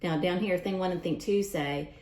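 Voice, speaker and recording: This woman's voice sits on the low side with a darkish tone, moving at normal speed. She reads to young children at storytime in a sing-song style, frequently posing questions and repeating lines, in a roomy space with plenty of echo.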